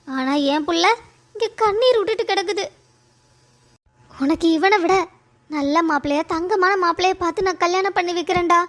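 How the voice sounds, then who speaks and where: A stubborn, anxious mother in a family cartoon, argued in a very high voice, as a woman voices her. She digs in her heels and keeps arguing her case. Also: fairly bright tone. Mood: remorseful. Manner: pleading then stubbornly arguing.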